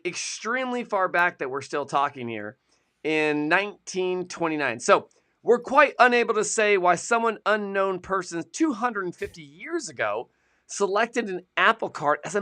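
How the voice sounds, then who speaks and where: A man with a high-pitched, sharp voice co-hosts a casual live-stream for a produce industry show. He chats and jokes while reading the history of idioms from his sources.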